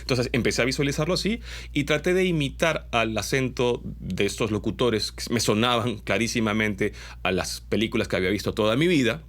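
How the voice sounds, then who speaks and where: A lively voice-over man from Peru teaches his viewers, his Peruvian Spanish accent somewhat mixed. He is animated and explanatory, his pitch jumping up on key points, and he uses frequent tag questions.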